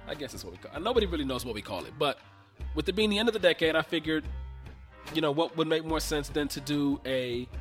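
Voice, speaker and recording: A man with a fairly high, bright, forceful voice hosts a podcast from a home recording booth, sounding a bit nasal and congested from a cold. His monologue is laid-back, chatty, and full of slang.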